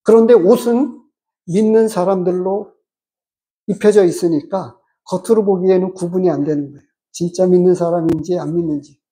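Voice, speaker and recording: The congregation hears a pastor lay out his message in a measured, explanatory manner, punctuated by rhetorical questions. His voice falls in the mid-range and has a dark tone.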